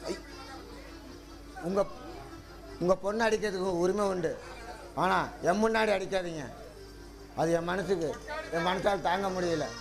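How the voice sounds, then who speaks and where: A man acting an anguished young lover in a stage drama, pleading haltingly. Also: high-pitched, steady tone, gravelly, over music, a crowd in the background. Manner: halting, emotional stage delivery.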